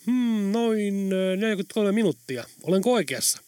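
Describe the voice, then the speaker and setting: A chirpy, cheerful London taxi driver in a storybook, put on by a male narrator. He rattles off route after route in a high, bright voice. The recording is dry and close. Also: expressive, smooth, dry recording. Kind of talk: audiobook character voice.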